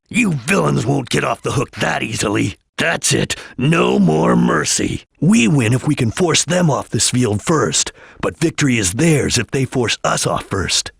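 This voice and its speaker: Husky, stern chameleon ninja. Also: male voice, a little high, a bit bright, no room sound, clean studio sound, full character voice. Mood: stern, resolute. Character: stern, disciplined adult male chameleon ninja detective. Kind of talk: video game character voice lines.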